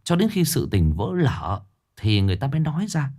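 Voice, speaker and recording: A man narrating a ghost story in a dramatic, expressive storytelling manner. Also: mid-range voice, brisk.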